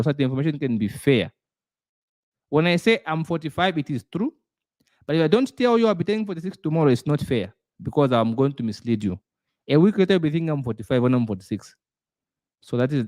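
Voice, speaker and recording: Male tutor, slightly high voice, dry close sound, explains patiently and repeats points. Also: a little mellow, no room sound. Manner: repeats points, frequent "uh" fillers. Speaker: auditing tutor quizzing a student. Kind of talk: explanatory lesson with worked examples.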